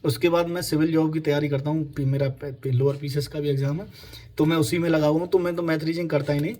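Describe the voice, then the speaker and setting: A man's voice: a little high, fairly even intonation, quick pace, dark tone. A young man speaks off the cuff about how to prepare for an exam, in a slightly raised voice. His talk is loose and repetitive, full of fillers, and he keeps addressing listeners as his companions. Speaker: exam prep advisor. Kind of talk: casual spoken advice to exam aspirants.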